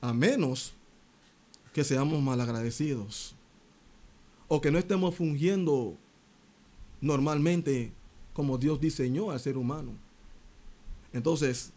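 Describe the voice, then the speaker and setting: Lively preaching guy, high voice, jumps all over the place, keeps asking you questions. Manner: animated, expressive preaching, retelling a parable with quoted voices; addresses listener directly with questions. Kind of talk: sermon.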